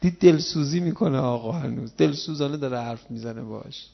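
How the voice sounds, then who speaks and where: A man preaching a sermon, telling stories in a conversational way and rising to loud emotional cries. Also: medium pitch, gravelly, husky. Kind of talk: sermon with storytelling. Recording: dull lo-fi sound with long hall reverb.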